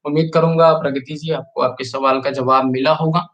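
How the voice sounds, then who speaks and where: A man's voice: medium pitch, fairly even intonation, a little fast, a bit bright, highs cut off. A man chatting casually on a live stream, reading out viewer comments and urging people to like the video. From Chhattisgarh, India. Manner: chatty, reads out viewer comments and urges likes.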